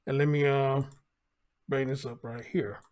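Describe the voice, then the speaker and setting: A man giving a casual news update to viewers, speaking through a face mask in a halting way and repeating phrases. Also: medium pitch, steady tone, darkish tone. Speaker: online news commentator.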